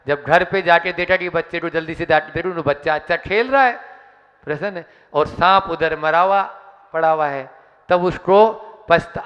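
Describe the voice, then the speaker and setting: A man's voice: high-pitched, a bit bright. A man telling a moral tale in a religious talk, then introducing the main preacher. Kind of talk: religious storytelling. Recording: dull sound with long hall reverb.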